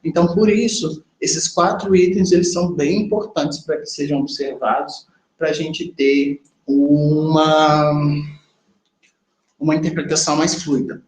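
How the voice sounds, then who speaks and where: A man's voice: fairly high pitch, moderate pace, few pauses, a little hiss or hum. A Brazilian Portuguese-speaking man teaching a class on sign language interpreting in a conversational lecture style, talking straight to his students and checking in with them. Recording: echoey classroom with faint ambience.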